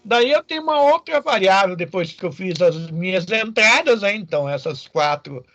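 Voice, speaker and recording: Speaking at a moderate pace, a Brazilian man teaches programming in an informal, didactic lecture and keeps pausing to ask his students brief questions. His high-sitting voice is animated with a fairly bright tone, captured in a dry recording.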